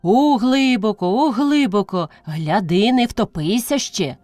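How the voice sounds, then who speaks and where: A woman's voice: medium pitch, lively intonation, unhurried, a little mellow, dry recording, close to an everyday voice. A woman voicing an anxious old village mother who questions with worry, in an audiobook. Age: older. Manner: worried, questioning.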